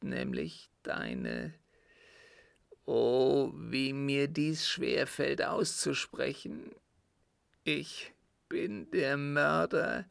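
A man voicing a gravelly dying old father. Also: medium pitch, fairly bright tone, no echo, studio quality, voice pushed up, full character voice. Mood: anguished. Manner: halting, heavy, pleading. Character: dying old father confessing a murder, anguished.

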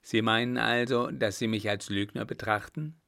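A man's voice: fairly low pitch, steady tone, normal speed, gravelly, a bit bright. A man reading aloud, voicing a proud, hot-tempered young nobleman who talks indignantly and demands satisfaction.

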